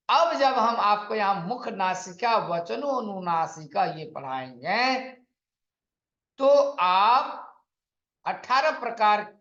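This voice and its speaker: A man teaching Sanskrit grammar in an online lecture, explaining patiently and repeating lists, sometimes chanting sutras slowly. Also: high-pitched, fairly bright tone. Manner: slow, patient explaining with repetition and counting out lists. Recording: echoey, dull lo-fi room recording.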